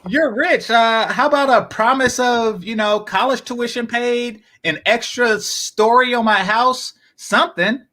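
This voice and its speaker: In a laid-back podcast exchange, the man wanders through his points with many fillers and restarts, often murmuring low asides. He speaks a little slowly and pauses only rarely.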